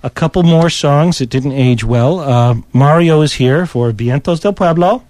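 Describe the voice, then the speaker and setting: A man's voice: a little high, measured pace, darkish tone, no room sound. A man working as a radio DJ, telling a rambling anecdote in casual on-air chat from a studio. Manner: rambling anecdotal storytelling with chuckles. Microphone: studio microphone.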